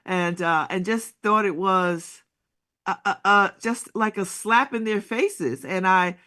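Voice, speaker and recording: This woman, a talk show host, interviews someone casually and conversationally, often echoing the starts of her sentences as she finds her way. Her medium-pitched voice has a sharp tone, and she takes things slowly.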